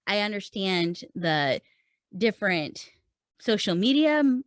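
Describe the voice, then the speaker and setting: In a slow, sing-song, mid-range voice, a woman podcast host and writing coach gives an informal instructional talk, breaking ideas down step by step and asking listeners questions she then answers. It's a dry, studio-quality recording.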